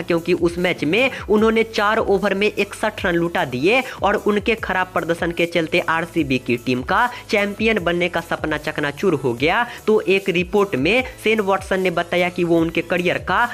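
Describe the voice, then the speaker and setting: Brief: male cricket news host, steady scripted read, friendly address to viewers, soft music underneath. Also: high voice. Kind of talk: scripted sports news roundup.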